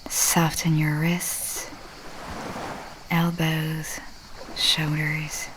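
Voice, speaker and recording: Speaking low and keeping her tone very even, a female meditation guide offers a soft, half-whispered, calming delivery with long gaps between phrases. Background noise can be heard.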